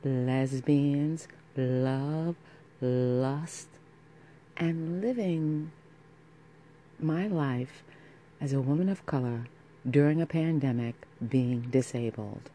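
Slow, sultry woman podcast host. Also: very deep voice, warm tone, a little hiss or hum. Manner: sultry, slow, intimate delivery. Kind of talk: scripted-sounding podcast intro.

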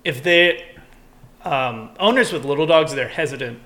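Bright, animated young man ranting. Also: on the high side, normal speed. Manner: rambling, profane, animated when ranting. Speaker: podcast co-host. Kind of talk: casual chat.

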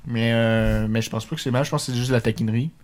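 A man with a Québécois accent on a comedy podcast, teasing and throwing in quick interjections. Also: mid-range voice, steady tone. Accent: Québécois French. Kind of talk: casual comedy podcast chat.

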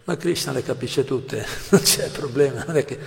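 A man giving a devotional lecture, explaining patiently, often asking "no?" and clearing his throat. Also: mid-range voice, normal speed. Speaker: religious teacher. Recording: long hall reverb.

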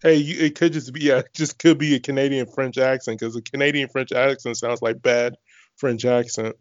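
A man's voice: mid-range voice, fairly even intonation, moderate pace, no echo. Joking man in dull lo-fi recording. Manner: joking, crude banter, laughs often. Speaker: co-host watching a TV show. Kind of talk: casual chat. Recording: dull lo-fi dry sound.

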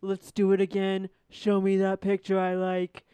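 A woman's voice: medium pitch, completely flat delivery, unhurried, warm tone, clear, resonant tone, close to an everyday voice. A woman reading a comedic story aloud and voicing a pompous, boastful older man with a nasal voice. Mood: smug. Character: pompous boastful older male politician, crude.

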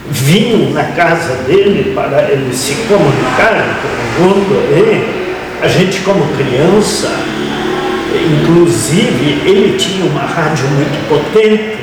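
A slow-speaking man from Rio Grande do Sul, with that southern Brazilian accent, reminisces in a halting, reflective way. His slightly high voice rings in a big echoey hall. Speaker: interview guest, family farmer. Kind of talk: reflective storytelling in an interview. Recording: very echoey hall, distant mic, crowd murmur.

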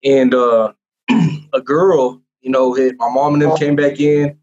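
A young man in a podcast interview gives a heartfelt, rambling testimony, full of fillers and restarts. His voice sits at an ordinary middle pitch. The recording is muffled and lo-fi. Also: fairly even intonation, takes it slowly, darkish tone. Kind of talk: personal testimony in casual conversation. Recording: dull lo-fi sound.

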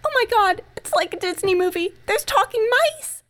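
Woman doing a bubbly young woman, teasing, lively, high voice. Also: moderate pace. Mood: excited. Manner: bubbly, teasing, easily thrilled. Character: excitable, playful young woman.

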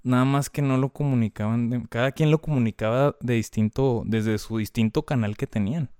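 A man with a Mexican Spanish accent, speaking in a candid, slangy conversational way. His voice is smooth and resonant. The recording is dry and close, with little room sound. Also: medium pitch, fairly quick, dark tone, no echo. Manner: candid and heavily slangy, lots of filler words. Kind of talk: casual conversation.

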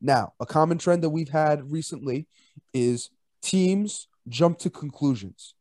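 A fairly high-pitched, slightly mellow male voice, at a measured pace, belongs to a college football betting podcast co-host. He chats casually about his picks, rowdy, laughing a lot and chanting fight songs. No echo; studio quality.

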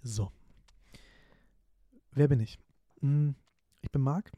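A man in his twenties from Berlin, Germany hosts a solo podcast, rambling casually with plenty of fillers and restarts. His medium-pitched voice is dark and slow, and the muffled recording has no echo.

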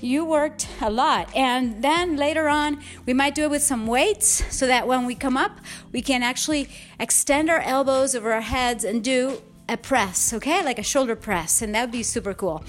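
A woman's voice: high-pitched, normal speed, soft background music. A woman fitness instructor and podcast host coaching a workout like an aerobics instructor, enthusiastic, bubbly and encouraging.

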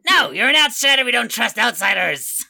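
Game master doing a bossy suspicious bug guard for a tabletop game, sharp and lively, close dry sound. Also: medium pitch, fairly quick, vocal fry, dry recording, voice pushed up, full character voice. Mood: stern, suspicious. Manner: commanding, challenging. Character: suspicious bug city guards challenging outsiders. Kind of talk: tabletop game role-play.

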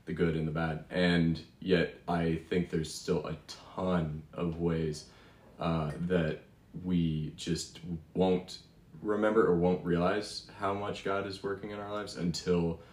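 A man's voice: sits low, steady tone, slow pace, a little mellow. A young man co-hosting a faith podcast, talking reflectively with lots of fillers. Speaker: podcast co-host. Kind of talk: casual faith chat. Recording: roomy echo.

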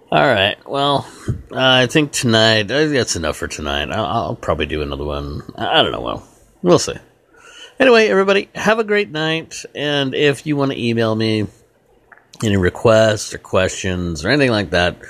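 Low-voiced man hosting a casual show. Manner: rambling, with false starts. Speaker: host. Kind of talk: casual chat.

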